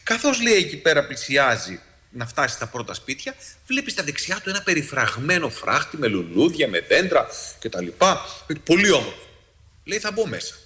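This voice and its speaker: A male psychologist tells a story to an audience with lively energy, often restarting and suddenly raising his pitch when quoting speech.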